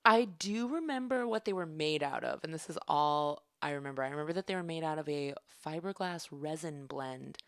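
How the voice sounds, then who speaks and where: Low-voiced chatty woman. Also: fairly quick, hardly any pauses, clear, resonant tone, no room sound, studio quality. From California. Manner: chatty, rambling with many fillers. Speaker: comedian guest. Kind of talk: casual podcast chat.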